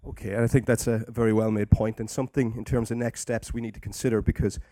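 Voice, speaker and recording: A man's voice: lowish voice, level tone, quick pace, warm tone, no echo. A man with an Irish accent chairing a conference discussion, speaking off the cuff. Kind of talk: moderating conference discussion, unscripted.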